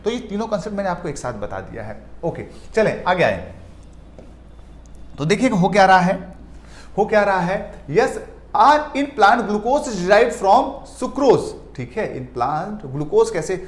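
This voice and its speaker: Male biology tutor, high voice, drawls key terms, rhetorical Q&A style. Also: big pitch swings. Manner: asks questions and answers them himself; mixes in English terms, stretches key words slowly. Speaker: biology teacher. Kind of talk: exam-prep lecture over slides.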